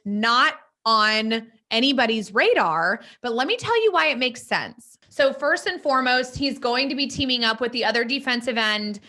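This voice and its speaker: A young woman co-hosting a casual sports podcast, chatty and animated, peppering her talk with "like". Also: fairly high pitch, moderate pace, hardly any pauses. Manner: chatty, heavy use of "like", animated. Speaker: podcast co-host.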